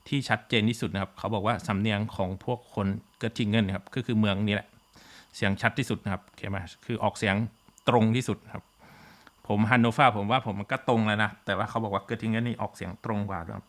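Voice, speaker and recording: A man's voice: on the low side, fairly even intonation, a little fast, a bit bright. A man teaching a physics class online, switching between Thai and English, with many "uh" fillers and a habit of checking in with "okay?".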